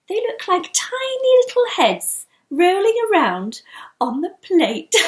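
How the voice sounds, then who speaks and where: A woman playing an imperious, sinister queen in a comic pantomime, theatrical and deliberate, in an echoey room. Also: on the high side. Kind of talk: comic monologue in a family pantomime.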